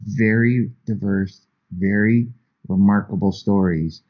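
Brief: low, husky male author guest, earnest anecdotal storyteller, slightly muffled lo-fi audio. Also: fairly even intonation, slow pace. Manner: earnest, anecdotal, frequent restarts. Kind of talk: storytelling in an interview. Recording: dull lo-fi sound.

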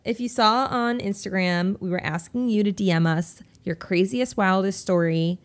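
A woman's voice: mid-range voice, moderate pace. A woman in her twenties co-hosting a podcast, playful and upbeat in casual chat. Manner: playful and upbeat, reads listener messages aloud while laughing. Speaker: podcast co-host.

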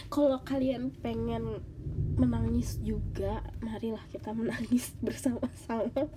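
A woman hosting a podcast as a casual, halting monologue, with a congested, nasal voice like a blocked nose. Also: mid-range voice, noisy background. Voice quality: congested, stuffy-nosed nasal voice. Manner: informal, halting, with audible sighs. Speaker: podcast host.

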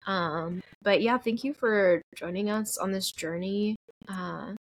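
A young adult woman co-hosting a book podcast, chatting in a relaxed, agreeable way. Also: medium pitch, slow. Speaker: podcast co-host. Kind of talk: casual chat.

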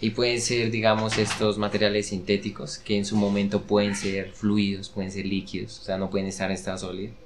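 A man, a guest expert explaining patiently in a measured way with hesitant fillers. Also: fairly low pitch, completely flat delivery, a little hiss or hum. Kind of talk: casual explanatory chat.

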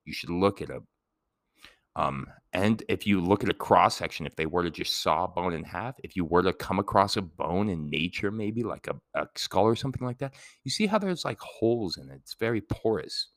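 Deep-voiced man explaining casually. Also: brisk, no echo, studio quality. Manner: rambling, digressive, relaxed. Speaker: educator.

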